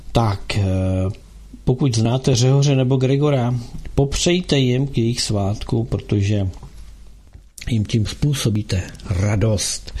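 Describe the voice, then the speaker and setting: A man hosting a casual call-in radio show, talking in a rambling, halting way with frequent filler sounds. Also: medium pitch, a little mellow, slightly rough.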